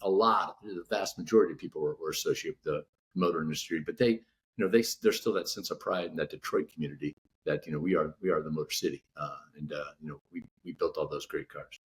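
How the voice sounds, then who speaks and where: A man from California, an author being interviewed in casual podcast talk, speaking haltingly with lots of "you know" fillers and restarts. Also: rumbling low, slight background noise. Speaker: author guest.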